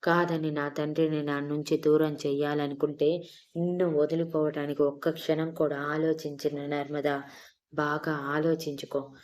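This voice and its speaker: A woman's voice: sits low, flat delivery, normal speed, a little mellow, natural voice. A woman voicing a stubborn, reluctant young man who answers in a grudging, defensive way, in an audio story. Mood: stern.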